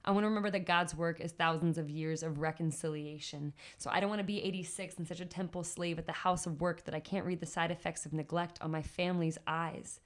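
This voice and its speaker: A woman with a slightly low voice, a guest on a podcast. She talks animatedly and shifts easily into rhythmic, expressive spoken word recitation. Her delivery builds and flows with the cadence of performed poetry. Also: quick pace, hardly any pauses. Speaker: poet and guest.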